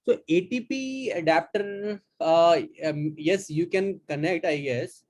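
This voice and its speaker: A man instructing an online class, explaining software steps at a relaxed pace with fillers. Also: a little high, slow. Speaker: course instructor. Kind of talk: live online class walkthrough.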